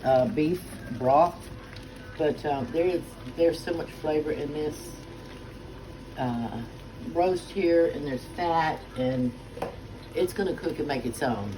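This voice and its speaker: Walking through a casual cooking demo at home, this middle-aged cook keeps things chatty and homey, sprinkling in plenty of "uh"s. Her voice is low-pitched and a bit slow. Kitchen noise is clearly audible beneath her.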